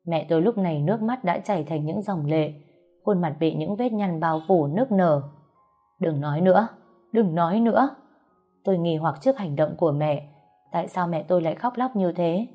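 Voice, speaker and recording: A woman narrating a first-person story in a steady, melancholy way, with soft music behind. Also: fairly low pitch, brisk, muffled recording.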